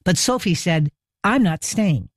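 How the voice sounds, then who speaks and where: A woman's voice: on the low side, lively intonation, measured pace, no room sound, studio quality. A woman with a Mid-Atlantic American accent hosting a talk radio interview, telling stories in an emphatic, dramatic way. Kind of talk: conversational radio interview and storytelling.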